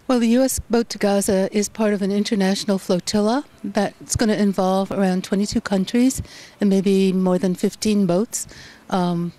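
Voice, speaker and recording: A woman journalist from Canada answering interview questions in a measured, thoughtful way, often pausing with "um". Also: mid-range voice, mellow. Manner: measured, thoughtful, frequent ums.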